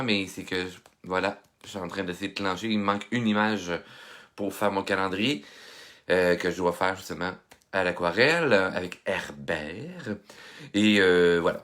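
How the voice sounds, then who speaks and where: A lower-voiced man with a Québécois accent hosts a casual live tutorial on his phone. He sounds a little stuffy from a head cold and chats loosely, full of fillers and greetings to viewers. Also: fairly bright tone. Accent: Québécois French. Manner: chatty, greets viewers by name, many fillers. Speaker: art instructor hosting a live stream.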